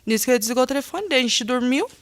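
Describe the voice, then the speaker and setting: A woman's voice: high-pitched, expressive, racing. A woman giving rambling courtroom testimony. She acts out the phone calls she recounts in a raised voice. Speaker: witness.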